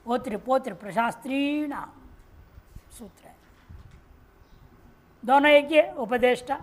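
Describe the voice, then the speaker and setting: Woman teaching sanskrit grammar, pretty high voice, draws out each word form slowly. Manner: slow, drawn-out recitation of word forms; explains patiently. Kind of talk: classroom lecture, recitation. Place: ashram classroom.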